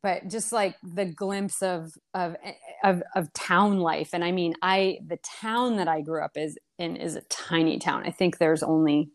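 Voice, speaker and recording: A young woman with a fairly low voice talks casually. She rambles, circling back on her own sentences and leaning on fillers as she reminisces. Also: unhurried, few pauses. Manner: rambling, many fillers and restarts. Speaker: podcast guest. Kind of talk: casual conversational storytelling.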